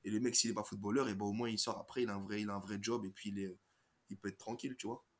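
Man with a low, bright voice. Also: flat delivery. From France. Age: middle-aged. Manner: halting, repeats words as he searches for them. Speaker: former footballer, podcast regular. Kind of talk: casual chat.

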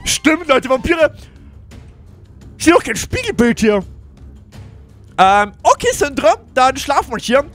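A young man with a very high, bouncy voice hosts a casual gaming roleplay. He jokes around and keeps breaking off to talk to his viewers, with faint music behind him. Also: unhurried, long pauses. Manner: excitable, jokey, keeps turning to address viewers. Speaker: let's play host.

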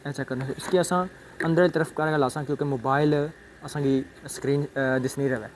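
A man's voice: fairly high pitch, fairly even intonation, brisk, slight background noise. A young man casually showing how to fit a phone mount to a helmet, rambling and repeating himself, recorded outdoors on a phone. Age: young adult. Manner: rambling, repeats "thik ai" and "check karne aan". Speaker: motovlogger. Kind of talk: casual unboxing and setup demo. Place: outdoors on a rooftop, then a roadside.

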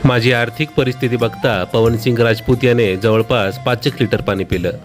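A man in his thirties giving a scripted, deadpan comic voice-over for a travel vlog. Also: medium pitch, moderate pace, soft background music. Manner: deadpan wry humor.

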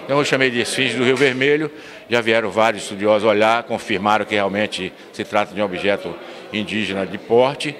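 A man's voice: fairly low pitch, fairly quick, a bit bright. An older man from Bahia, telling local history earnestly as a guest in a council chamber interview, into a handheld mic. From São Miguel das Matas, Bahia, Brazil. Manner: earnest storyteller, expansive, restarts words. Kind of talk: recorded interview. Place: municipal council chamber, indoors. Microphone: handheld mic held by interviewer.

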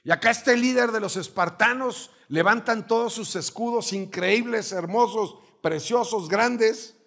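Man, middle-aged, Mexican accent, pastor preaching, high voice, vivid storytelling. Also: unhurried. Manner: animated storytelling, acts out shouted commands. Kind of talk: sermon.

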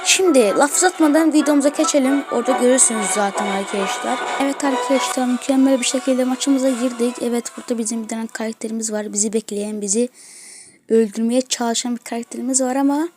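A woman giving excitable gameplay commentary as a gaming video host, trash-talking opponents as she plays. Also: fairly high pitch, brisk, faint music behind. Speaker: gaming YouTuber.

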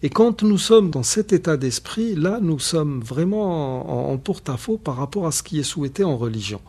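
Gravelly, husky-voiced radio host. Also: male voice, fairly high pitch, lively intonation, darkish tone. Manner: measured, emphatic, firm rebuttals, many repetitions. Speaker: radio show host on Islam. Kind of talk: explanatory radio discussion.

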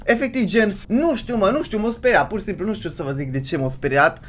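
A gaming YouTuber commenting on a horror game, excitable and slangy, yelling at jump scares and taunting the game character. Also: medium pitch, slight background noise. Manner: excitable, yells and shrieks at scares, slangy banter to viewers.

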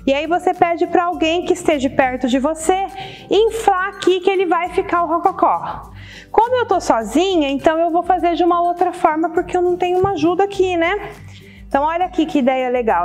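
A woman in her thirties with a Brazilian accent, chatting through a hands-on demonstration as a tutorial host and often checking in with viewers. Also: high-pitched. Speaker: balloon decoration tutorial host. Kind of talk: casual instructional demonstration to camera. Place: indoor studio set with balloon wall and table.

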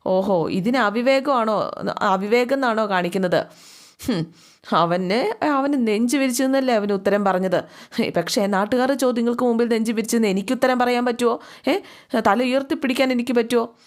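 A woman's voice: on the high side, normal speed, natural voice. A woman voicing a proud aging father who speaks with bitter indignation.

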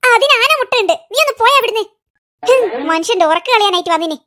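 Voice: extremely high pitch, lively intonation, quick pace, bright, forceful tone, full character voice. A voice artist playing an irritable older sister who has just been woken, snapping in a comic cartoon. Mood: irritated.

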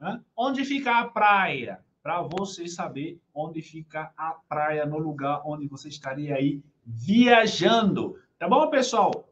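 A woman's voice: deep voice, animated, takes it slowly, highs cut off. A Brazilian woman with a Brazilian Portuguese accent, teaching an online French lesson. She repeats each phrase patiently and keeps checking in with her students.

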